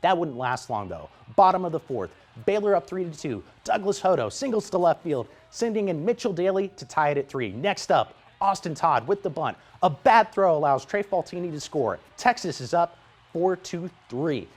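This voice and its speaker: Delivering scripted sports highlights, this American reporter uses an energetic play-by-play style. He speaks at a normal speed.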